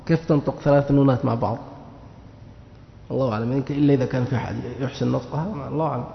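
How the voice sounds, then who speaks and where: This grammar lesson comes from a man with a mid-range, steady-toned voice that is creaky and races along. He quizzes himself aloud, supplies the answers, and keeps repeating key words. Faint hiss or hum sits under the muffled, echoey hall sound.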